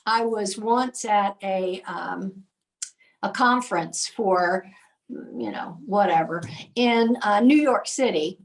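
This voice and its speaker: A woman, a nonprofit founder, telling lively anecdotes in casual conversation with many filler ums. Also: mid-range voice, takes it slowly, recorded from a distance, low-quality recording. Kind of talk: conversational storytelling.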